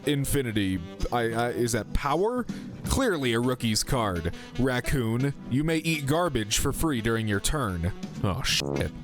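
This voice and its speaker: A man's voice: medium pitch, sing-song, unhurried, music in the background. A man doing comedic read-aloud commentary as a host, theatrical, with sweary asides. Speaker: YouTube host reading social media posts aloud.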